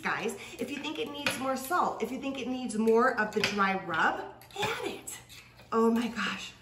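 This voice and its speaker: A woman's voice: on the high side, background noise. A woman hosting a cooking video, gushing with frequent exclamations and laughs as she demonstrates a recipe. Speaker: cooking show host. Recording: echoey room from a distance.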